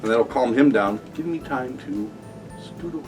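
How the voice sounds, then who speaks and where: A man's voice: mid-range voice, animated, normal speed, distant mic, music in the background. A man playing a storytelling game, making up his tale casually. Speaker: game player.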